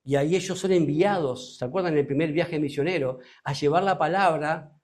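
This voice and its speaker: A male pastor with a Uruguayan accent preaching a sermon, reading scripture slowly and asking the congregation rhetorical questions. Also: a little high, a little mellow. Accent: Uruguayan Spanish. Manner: reads scripture aloud slowly.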